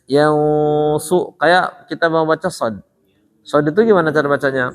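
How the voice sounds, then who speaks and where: A man teaching Quran recitation in a tajwid lesson, speaking with an Indonesian accent, slowly repeating and modelling each sound for his students. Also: on the high side, in a large hall.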